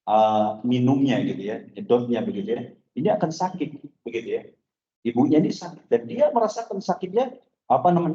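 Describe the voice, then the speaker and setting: A man's voice: mid-range voice, mellow. A male preacher telling a story to his congregation in a loose, chatty sermon style, talking straight to his listeners. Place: mosque hall. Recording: echoey, dull mosque recording.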